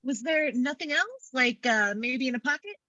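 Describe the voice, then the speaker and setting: A woman reading a frantic, scheming woman in an amateur script read, with a breathless, hurried manner. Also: high-pitched, animated, bright, forceful tone, highs cut off, full character voice.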